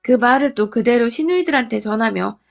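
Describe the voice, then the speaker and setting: Woman, slightly high voice, blunt and indignant first-person storyteller. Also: animated, fairly quick, vocal fry, faint music behind. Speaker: storyteller recounting her marriage.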